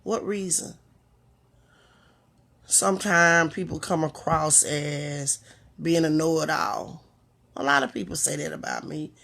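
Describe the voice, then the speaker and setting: A woman with a low, gravelly, fairly bright voice and fairly even intonation hosts her own talk. She gives a reflective motivational monologue, asking the listener rhetorical question after rhetorical question in an unhurried way, with pauses.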